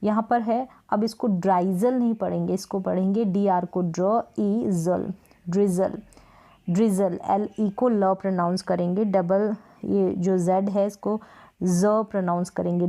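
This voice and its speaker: Mellow-voiced woman teaching pronunciation. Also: mid-range voice, creaky. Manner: slow, repetitive word-by-word teaching. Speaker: English teacher. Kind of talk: explaining pronunciation rules.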